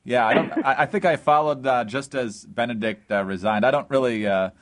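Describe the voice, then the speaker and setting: A man's voice: medium pitch, brisk. A man hosting a radio show, chatting casually with a guest and plugging her work. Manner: friendly, plugs and wraps up segments. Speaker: radio host.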